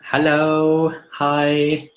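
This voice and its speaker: A man's voice: on the high side, monotone, extremely slow, muffled recording. A man hosting a live online mock job interview over a video call, speaking in a friendly, hesitant way with frequent fillers.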